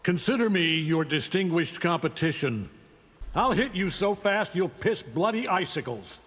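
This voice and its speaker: A man's voice: high-pitched, expressive, a little slow, fairly bright tone, full character voice. Omni-Man, coldly commanding in long reverb. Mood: contemptuous threat. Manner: cold, commanding, contemptuous. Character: arrogant, menacing alien superpowered conqueror, mature male warrior. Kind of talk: video game fight intro acting.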